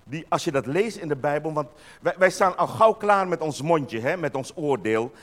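Male pastor, animated sermon delivery, acts out little voices, swoops widely in pitch. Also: normal speed. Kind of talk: lively sermon.

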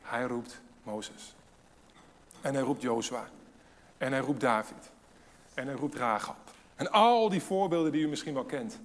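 A man preaching a sermon with emphasis, asking rhetorical questions and swinging between loud and hushed delivery. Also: mid-range voice, measured pace, long pauses. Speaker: pastor. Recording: long hall reverb.

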